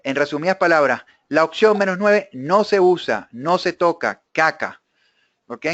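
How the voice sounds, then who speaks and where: A man's voice: fairly high pitch, lively intonation, unhurried, a bit bright, no echo. A middle-aged man teaching an online workshop, explaining with family examples and checking in with questions. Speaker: instructor. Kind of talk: live online workshop lesson. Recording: dry, dull lo-fi webinar audio.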